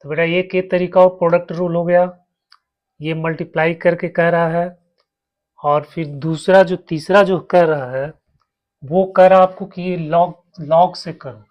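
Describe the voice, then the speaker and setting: A man's voice: fairly high pitch, fairly even intonation, measured pace, dull audio. A man teaching a maths lesson, walking his students through each step and repeating terms as he writes. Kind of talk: slow blackboard maths lesson.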